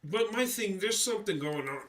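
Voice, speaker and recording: In a high voice with lively intonation and a slightly bright tone, a congested man hosts a casual livestream at normal speed. His nose is stuffy, and he rambles, hesitating and restarting with many fillers.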